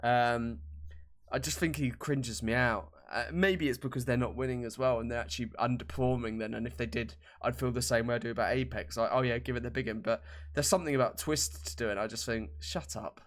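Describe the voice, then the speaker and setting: A man's voice: mid-range voice, brisk. A man co-hosting a gaming podcast in casual, joking chat, swearing freely and mocking others in put-on voices. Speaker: podcast co-host.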